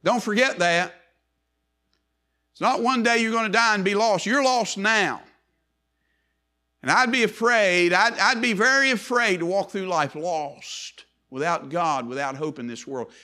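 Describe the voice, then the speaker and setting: An older man preaching a sermon in church, repeating key phrases and slowing down hard on words he wants to stress. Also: high-pitched, sharp tone. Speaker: pastor.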